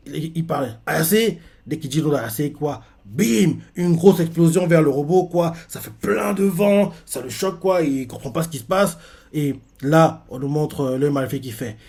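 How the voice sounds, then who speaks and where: A man's voice: a little high, warm tone. A man casually recapping a manga chapter, rambling with lots of fillers and repeated words. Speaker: manga reaction youtuber.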